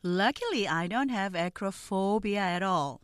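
A woman teaching English conversation, reading model sentences slowly and distinctly for learners to repeat. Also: mid-range voice, animated, clear, resonant tone, dry recording, studio quality. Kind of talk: language lesson with slow repeat-after-me drills.

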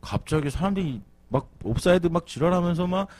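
A man's voice: high voice, expressive, brisk, a little mellow, no echo. A young man co-hosting a casual fan podcast, ranting with lots of swearing and mimicking angry fans. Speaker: podcast co-host.

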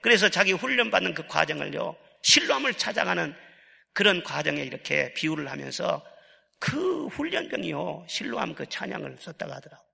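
A man preaching at a revival service, emphatic and full of rhetorical questions, dropping soft then rising loud. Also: high-pitched, big pitch swings, a little fast, creaky, husky. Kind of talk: sermon. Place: church sanctuary. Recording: long hall reverb.

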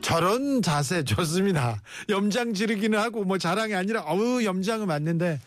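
A man's voice: high-pitched, expressive, moderate pace, soft background music. A man hosting a radio show, reading listener messages aloud and cheering people on in a chatty way. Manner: warm, chatty, reacts to listener stories with encouragement.

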